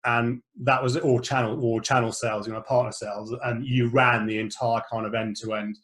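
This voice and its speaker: A middle-aged man hosts a podcast from home over a remote call, his mid-range voice fairly bright with little pitch movement at a normal pace. He rambles loosely through a casual interview, full of fillers and restarts.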